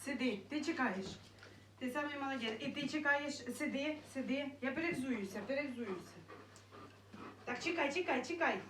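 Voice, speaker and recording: High-voiced woman cooing at her dogs. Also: moderate pace, a bit bright. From Ukraine. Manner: cooing baby talk to dogs, with firm commands. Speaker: dog breeder. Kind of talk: casual talk to her dogs. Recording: roomy, from a distance, faint noise.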